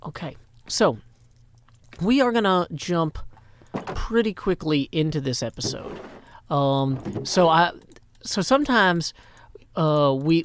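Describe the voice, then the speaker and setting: There's a little hiss or hum behind this somewhat high male voice. It's a middle-aged Nashville, Tennessee man, slightly tired, making playful live-stream chat with rhyming asides and long greeting lists, speaking into a microphone on a stand.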